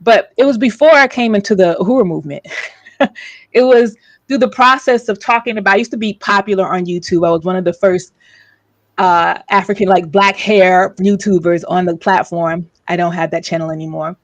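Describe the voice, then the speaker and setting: A woman's voice: mid-range voice, a little fast, dry recording. A woman hosting a livestream discussion, talking casually with many fillers and restarts.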